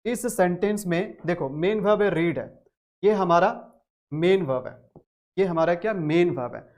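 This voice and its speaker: A man's voice: sits high, darkish tone. Male English teacher, repetitive stressed delivery. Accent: Hindi. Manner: repeats key phrases with heavy stress. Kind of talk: spoken English grammar lesson.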